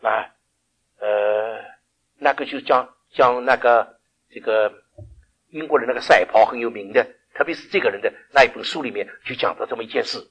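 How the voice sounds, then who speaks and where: An older man preaching a sermon, often asking the congregation questions and laughing as he swings between loud and quiet. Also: mid-range voice, normal speed, breathy edge.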